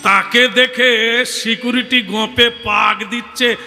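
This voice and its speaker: A man's voice: extremely high pitch, steady tone, takes it slowly, big-room sound, loud music behind the voice. A man telling a devotional story in kirtan style, dramatically voicing the characters. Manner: dramatic, switches between voices of characters.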